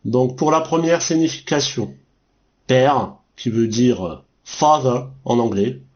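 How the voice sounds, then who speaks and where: A man gives a French vocabulary lesson at an unhurried, careful pace, pausing to spell words out letter by letter. His voice sits at an ordinary middle pitch. The recording sounds a little dull and lo-fi. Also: a little mellow. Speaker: French teacher.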